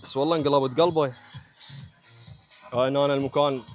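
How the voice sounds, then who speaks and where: An Iraqi-accented man talks his way through a casual vlog at a quick pace. He chats informally to his viewers in short phrases, in a mid-pitched voice, with music playing behind him. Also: fairly even intonation. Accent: Iraqi Arabic. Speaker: vlogger. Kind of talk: casual vlog narration to camera.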